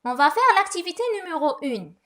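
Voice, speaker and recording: A woman teaching a recorded lesson to young pupils, patient and deliberate, fondly calling them her little ones. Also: very high-pitched, sing-song, a bit bright. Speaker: primary school French teacher.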